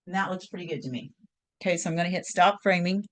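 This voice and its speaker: A woman's voice: fairly low pitch, quick pace, low-quality recording. A woman hosting a crafting tutorial, talking step by step through a screen-share in a chatty, think-aloud way.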